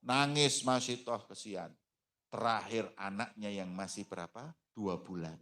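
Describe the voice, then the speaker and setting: A man preaching a sermon as storytelling, with a Banjar accent, animated and dramatic, swinging in pitch. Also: measured pace. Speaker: Islamic preacher.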